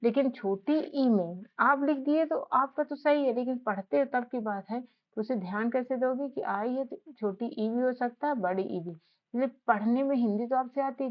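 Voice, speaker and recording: A woman teaching a casual spoken lesson on spelling, patiently repeating questions back to the learner. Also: a little high. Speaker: English teacher. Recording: slightly dull lo-fi audio.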